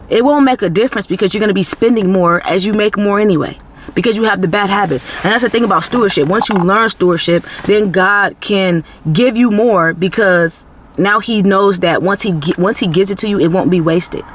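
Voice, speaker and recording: A man's voice: high voice, a bit bright, a little hiss or hum. A man giving a casual, earnest motivational talk to camera as a self-growth vlogger, with a preachy, faith-based tone and lots of "like" and "you know".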